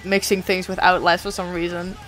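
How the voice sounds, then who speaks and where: A woman's voice: fairly low pitch, flat delivery, fairly quick, a bit bright. A young adult woman streamer chatting casually, rambling and self-deprecating, swearing now and then.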